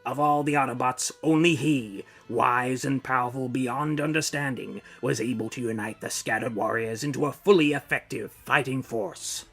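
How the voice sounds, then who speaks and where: A man narrates a comic book in a grandiose, declaiming style. His voice is rough and creaky at an average pitch, with faint music behind. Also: normal speed, hardly any pauses, fairly bright tone. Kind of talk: dramatic scripted narration.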